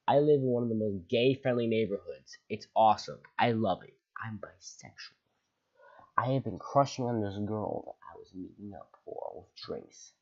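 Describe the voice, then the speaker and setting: A channel host with a fairly low, slightly mellow, husky voice reads online posts aloud, stopping now and then for dry, sarcastic asides. The recording sounds dull and lo-fi.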